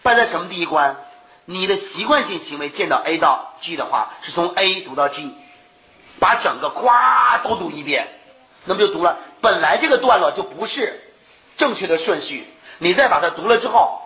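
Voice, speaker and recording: A man lectures a classroom in a high, swooping voice that keeps rising and falling. He throws questions at his students and answers them himself. The sound is muffled and lo-fi, with room echo around him. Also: normal speed. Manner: animated, asks rhetorical questions and answers them. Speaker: English exam teacher. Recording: echoey lo-fi room recording.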